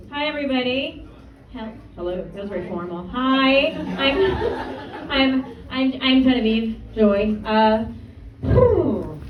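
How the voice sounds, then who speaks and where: A woman's voice: fairly high pitch, highs cut off, background noise. A woman comedian performing a stand-up set in a comedy club, with wry, self-deprecating banter toward the audience. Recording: echoey club from a distance, crowd laughter.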